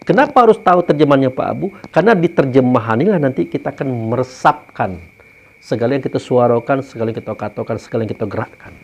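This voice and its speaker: A man's voice: medium pitch, creaky, darkish tone, slightly rough. A man preaching in a lay religious talk, often turning to his listeners and pressing his points with rising and falling emphasis. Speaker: religious teacher. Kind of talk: sermon. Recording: dull lo-fi recording.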